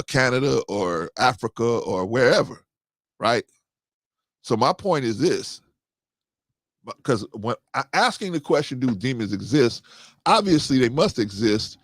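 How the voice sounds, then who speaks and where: A man's voice: on the low side, dry recording. A man hosting a casual discussion, talking things through and often checking in with "right?". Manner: conversational, repeats "right?". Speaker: host.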